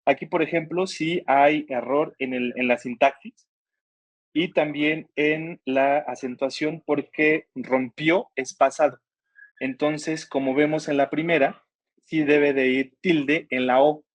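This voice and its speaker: A man's voice: fairly high pitch, steady tone, slow, dry recording. A man teaching an online writing workshop, patiently explaining grammar step by step and asking his students questions. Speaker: workshop instructor.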